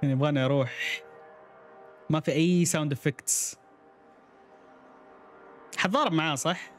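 A man's voice: a little high, a little fast, fairly bright tone, faint music behind. A man streaming a game, chatting and reacting aloud and greeting viewers by name. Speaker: gaming streamer. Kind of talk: casual gameplay commentary.

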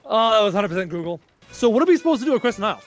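A man with a strikingly high voice in casual gaming chat. He talks to his teammates as he plays. Music runs underneath. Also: big pitch swings, rapid-fire. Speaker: gamer.

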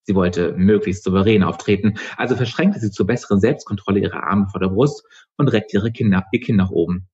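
A male author reading his novel aloud in steady, measured narration. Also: on the low side, husky, muffled recording. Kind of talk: live book reading.

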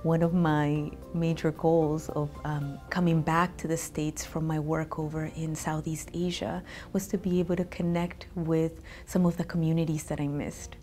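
A woman's voice: sits low, level tone, moderate pace, few pauses. A young woman from Peru, a medical student, speaking earnestly in a studio interview. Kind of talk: interview testimonial. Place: studio with gray backdrop. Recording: soft background music.

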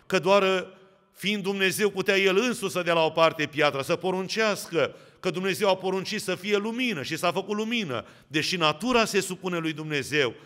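A man's voice: sits high, fairly bright tone, long reverb tail. A man with a Romanian accent preaching a sermon, often putting questions directly to the congregation.

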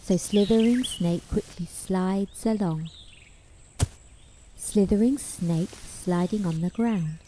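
A woman narrates a rhyme for small children at an unhurried pace. Her voice is very soft-edged and dark in tone, with a little noise in the background. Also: mid-range voice.

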